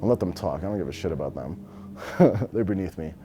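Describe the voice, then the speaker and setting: Answering an interviewer's questions, this twenty-something business owner from Los Angeles talks in blunt, slangy American speech, swearing now and then. His voice is deep, animated, and brisk, and the background is noisy.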